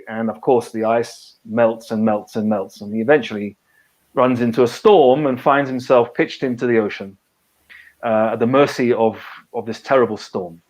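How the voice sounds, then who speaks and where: An author and conservation biologist with a British and French background, half of each, talks casually on a live video call. His medium-pitched voice is a little mellow, and he leans on many fillers and restarts.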